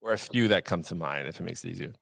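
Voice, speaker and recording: A man's voice: low-pitched, creaky, fairly bright tone, no echo. A young man hosting a podcast, asking questions in an easygoing, affirming way. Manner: easygoing, affirming, quick "yeah yeah". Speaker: podcast host. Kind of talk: casual interview chat.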